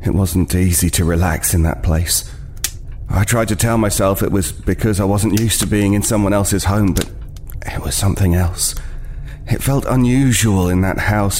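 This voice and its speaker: This audio play features an actor as a worn-out, suspicious homeless man haltingly narrating an eerie first-person tale, repeating words as if haunted, in an uneasy, ominous mood. His fairly low, darkish voice sounds close to everyday speech, with slight background noise.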